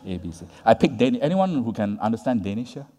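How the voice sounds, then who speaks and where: Very animated and brisk, this conference speaker has a medium-pitched, mellow voice. He lectures in a conversational way, capping points with "right?" and "yeah?", while the big hall adds a long reverb.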